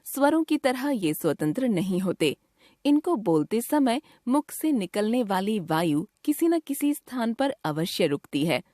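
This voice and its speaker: A woman reading a scripted grammar lesson to children, deliberately spelling out sounds one by one. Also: medium pitch, a little mellow, no echo, studio quality. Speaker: teacher.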